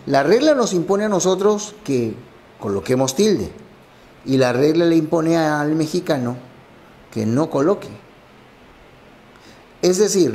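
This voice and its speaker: A male teacher reviewing exam questions and working through each answer step by step. His voice sits a little high and moves up and down in a very lively way. He explains in the patient, methodical manner of a classroom review. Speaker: language teacher.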